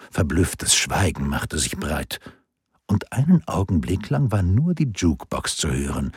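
A man reading a novel aloud as an audiobook narrator, with an expressive, varied storytelling delivery. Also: low-pitched, slightly rough, dry recording, studio quality.

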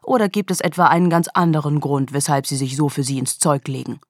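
An arrogant male police profiler, quick to take offence, snaps back in a huffy, indignant tone, as a woman reading the story puts him on. The voice is raised higher and louder than her own low, dry narrating voice, in a storybook reading. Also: no room sound.

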